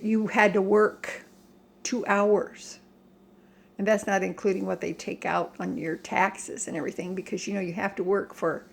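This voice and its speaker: Older woman, American accent, slow halting delivery, creaky voice, plain-spoken, emphatic, casual home vlog rant. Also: medium pitch. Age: older, 60s or above. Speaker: home vlogger. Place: home kitchen.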